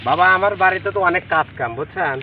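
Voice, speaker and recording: A man's voice: high-pitched, very fast, recorded from a distance, phone-quality sound, a little hiss or hum. A man acting in a comedy skit, talking in a pleading, theatrical way.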